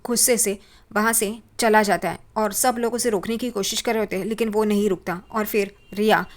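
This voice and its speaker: Woman, mid pitch, casual conversational recap of a drama episode, slips the characters' lines into her retelling. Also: fairly even intonation, brisk. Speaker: TV serial recap narrator.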